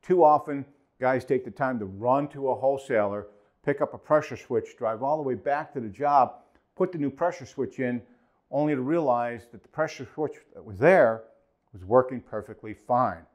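A man's voice: mid-range voice, moderate pace, darkish tone, muffled recording. Male trainer, 40s, emphatic product explainer, lapel mic in a small studio. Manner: emphatic, gestures a lot, repeats key points. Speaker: HVAC trainer for a distributor. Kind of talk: product demo and technical explainer. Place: indoor studio with whiteboard and acoustic foam.

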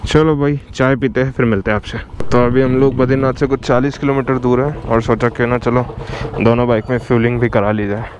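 A young man vlogging casually outdoors on a mountain trip, chatty and excitable as he talks to his viewers. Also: mid-range voice, a little fast, few pauses, slight background noise, low-quality recording. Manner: chatty, excitable, often laughing along. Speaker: travel vlogger. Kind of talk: casual on-the-go vlog chat. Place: outdoors by a mountain river and waterfall. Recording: outdoor vlog with loud river rush.

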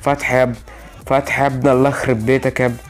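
A young Egyptian man talks at breakneck speed in gaming commentary, his voice sitting at an ordinary middle pitch. He sounds exasperated, repeating the same phrases over and over as he pleads with the game. Faint music plays behind him. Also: level tone, rapid-fire. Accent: Egyptian Arabic. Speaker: gaming channel host. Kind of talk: gaming commentary while opening loot boxes.

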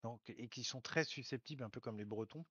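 A man's voice: medium pitch, brisk, a bit bright, slightly rough, dry recording. Gamer guy on squad voice chat, teasing banter, slightly muffled line. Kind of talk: casual gaming chat.

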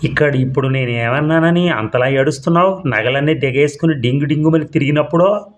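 A man's voice: fairly high pitch, fairly quick, voice pushed up, lightly acted. A scrawny, swaggering burglar from a comic audio story, all bluster and threats, as a male storyteller puts him on. He snaps orders with a raised, pushy voice. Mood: threatening. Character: skinny boastful male burglar, bullying.

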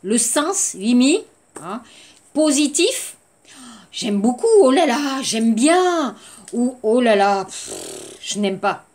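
A woman teaching a French lesson to Korean learners, speaking slowly, repeating words and adding Korean glosses. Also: fairly high pitch, very animated, darkish tone.

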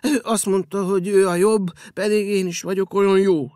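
Bickering talking shoes, voiced by a man, storybook audio, lively, bouncing pitch. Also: vocal fry, slightly rough, no echo, studio quality, exaggerated voice. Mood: whimpering. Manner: squabbling and whimpering. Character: pair of quarrelling, whiny talking shoes.

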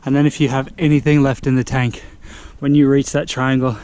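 A man's voice: mid-range voice, little pitch movement, fairly quick, poor audio. Breathless young man filming a hard climb. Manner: strained, panting self-talk between climbs. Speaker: vlogger. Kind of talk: cycling vlog to camera. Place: outdoors on a mountain road. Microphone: action camera on the bike. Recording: loud wind and road noise.

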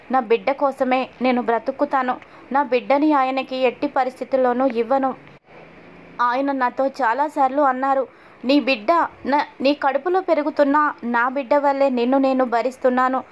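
A woman's voice: high-pitched, natural voice. A woman voicing an anxious, tearful pregnant young wife in a pleading first-person lament. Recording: dull lo-fi audio.

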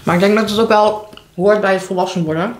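A young woman talks casually to camera at a medium pitch, pausing between bites as she eats. She is candid and informal. The room is echoey, with faint noise behind her. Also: fairly even intonation. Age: young adult. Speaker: vlogger. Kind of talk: casual chat while eating, mukbang vlog. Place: living room at home, indoors.

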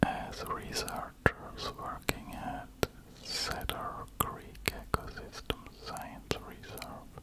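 Male, thirties, for ASMR nature narration: close-miked, fully whispered wildlife watching delivery, very slow and hushed. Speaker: ASMR host. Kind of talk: whispered ASMR, reading aloud and commenting on a wildlife-watching website. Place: indoors at a computer.

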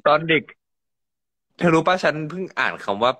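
A man's voice: a little high, expressive, normal speed, sharp tone. A young man from Thailand bantering and teasing his co-host on a phone livestream. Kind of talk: casual livestream chat.

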